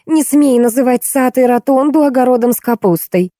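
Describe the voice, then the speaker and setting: A woman reading the lines of a weary middle-aged woman who patiently calms her quarrelsome companion, in an audiobook. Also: sits high, moderate pace, no echo, studio quality, pitched above the performer's own voice, close to an everyday voice. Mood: exasperated. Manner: patient, then exasperated.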